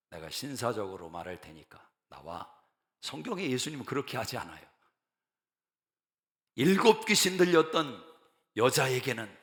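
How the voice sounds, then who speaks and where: Emphatic male pastor in echoing church. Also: medium pitch. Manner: emphatic preaching that builds to loud declarations; repeats key phrases for emphasis. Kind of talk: sermon. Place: church sanctuary. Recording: reverberant church sanctuary.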